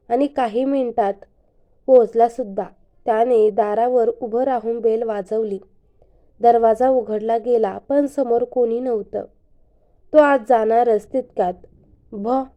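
A woman storyteller reading a scripted romance story aloud in an even, unhurried way. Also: fairly high pitch.

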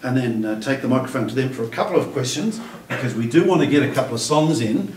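Moderating a panel before a seated lecture-room audience, this middle-aged academic host talks thoughtfully, with frequent restarts and fillers. His mid-range, darkish voice is animated and fast, and the distant mic in the roomy hall catches a little hiss or hum.

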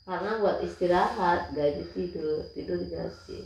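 A woman's voice: on the low side, moderate pace, gravelly, darkish tone, a little hiss or hum. A woman complaining sulkily to her husband in a casual family chat. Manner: sulky, complaining. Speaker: wife. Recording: echoey room.

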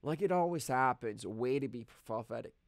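A man's voice: medium pitch, lively intonation, drawn-out words, creaky, darkish tone, no echo, studio quality, heavily acted. A man voicing a frustrated, bitter man's inner voice from his own script, angry and swearing.

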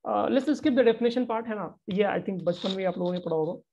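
A physics teacher giving a live online class, explaining in a relaxed conversational way and often checking in with the students. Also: mid-range voice, moderate pace, dull audio, a little hiss or hum.

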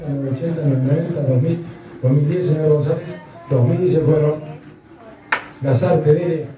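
Rematador cantando ofertas, con mucho eco. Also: male voice, a little high, steady tone, normal speed. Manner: auctioneer's chant, calling out bids. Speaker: livestock auctioneer. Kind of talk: live cattle auction calling. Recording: distant, echoey, muffled PA with music.

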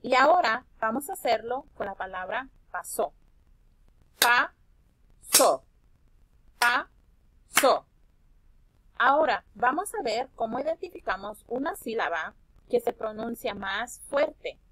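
A woman teaching a children's phonics lesson, sounding out words slowly and loudly between softer instructions. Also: fairly high pitch, expressive, dry recording, poor audio. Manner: slow, exaggerated syllable-by-syllable pronunciation.

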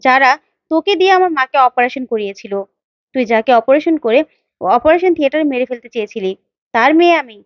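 A woman's voice: high voice, expressive, quick pace, no room sound, dull audio. A woman voicing a bold, defiant young woman who scolds and threatens bluntly. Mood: threatening.

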